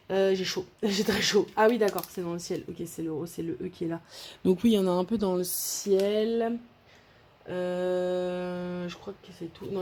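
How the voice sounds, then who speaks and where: Unboxing a craft kit on camera, a young French diamond painting vlogger talks casually, wandering off and starting her sentences over as she thinks aloud. Her voice is medium in pitch with a dark tone, and a little hiss or hum is audible.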